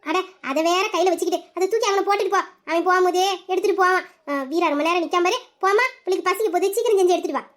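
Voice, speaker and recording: A woman voicing a sentimental village mother who fusses over her son and bosses everyone else around. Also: very high voice. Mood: bossy. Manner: fussy and sentimental, gives orders quickly.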